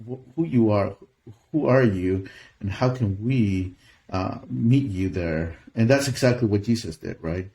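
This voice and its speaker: A man's voice: lowish voice, warm tone. A middle-aged man from Peru, a native Spanish speaker, answering interview questions in an earnest way, often restarting his sentences. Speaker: pastor.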